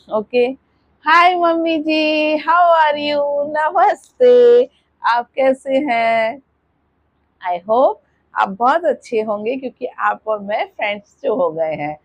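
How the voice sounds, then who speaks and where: A woman's voice: medium pitch, no echo, muffled recording. A woman preschool teacher with an Indian English accent, giving earnest advice to parents and often asking "right?" to check they follow. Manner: sing-song greetings, then earnest advice with tag questions. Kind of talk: warm advice to parents and kids.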